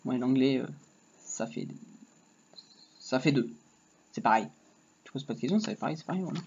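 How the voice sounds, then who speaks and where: A man with a mid-range, somewhat dark voice teaches HTML in a casual screen recording, speaking at a moderate pace with lively intonation. He rambles and cracks jokes to himself as he types, with keyboard clatter behind him. The dull lo-fi mic picks up faint noise.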